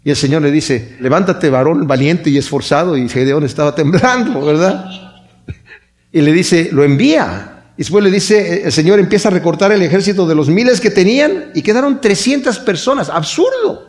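A man preaching a sermon in a conversational way, tagging on rhetorical asides and repeating words as he explains scripture. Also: moderate pace. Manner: conversational preaching, frequent "¿verdad?" asides and repetitions; animated, with wide swings in pitch and loudness. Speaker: pastor.

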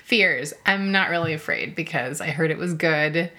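A woman's voice: low-pitched, moderate pace, sharp tone. A woman co-hosting a casual chat, chatty and giggly as she talks. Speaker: podcast co-host.

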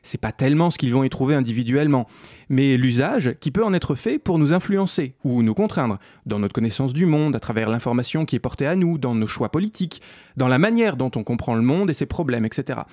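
A man's voice: mid-range voice, lively intonation, a little fast, dark tone, dry recording, clean studio sound. A man hosting a sarcastic commentary video essay, speaking ironically and addressing the listener directly. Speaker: host.

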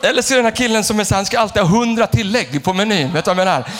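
A male pastor preaching an animated sermon, jumping from shouted lines to quiet asides. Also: sits high. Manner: animated, shifts between shouting and hushed asides. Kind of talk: energetic sermon.

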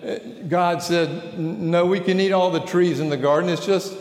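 A man's voice: high-pitched, fairly even intonation, a little mellow. A man voicing the first woman, hesitantly fumbling to explain a rule. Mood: flustered. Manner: hesitant, halting. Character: flustered first woman, unsure, explaining herself. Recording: echoey hall with long reverb.

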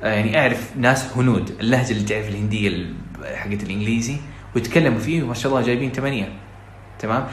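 A Saudi man with a Saudi Arabic accent talks very fast in an earnest, pleading podcast voice, slipping English phrases into his Arabic. His pitch sits in the middle of the usual range for men. The room around him rings with a noticeable echo. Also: a little hiss or hum. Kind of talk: motivational podcast talk.

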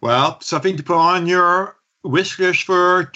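A man, a podcast guest, explaining his free microbiome website in earnest detail with frequent "um"s, heard over a low-quality remote audio stream. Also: a little slow, pushed and bright. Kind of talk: explaining in an interview. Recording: muffled lo-fi remote call audio.

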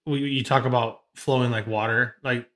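A man's voice: mid-range voice, steady tone, moderate pace, a crowd in the background. A man co-hosting a podcast, talking casually and analytically. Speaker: podcast co-host.

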